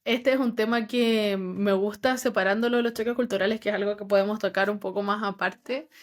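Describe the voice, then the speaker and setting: Woman, Chilean accent, psychologist guest, reflective podcast talk, medium pitch. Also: fairly even intonation, fairly quick. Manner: reflective, explains with many asides. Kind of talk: casual podcast conversation.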